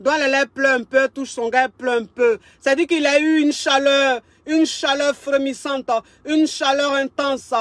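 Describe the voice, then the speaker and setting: A woman relationship coach, telling a story in a lively way and repeating phrases for emphasis. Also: high voice, normal speed, few pauses, no echo. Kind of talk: casual storytelling monologue.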